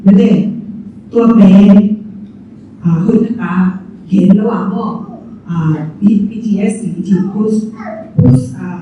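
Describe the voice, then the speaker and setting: A woman's voice: a little high, slow, pauses often, a little hiss or hum. A woman giving a lecture on self care with slides, mixing English terms into her talk and laughing lightly now and then. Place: church hall. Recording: echoey hall from far off, dull.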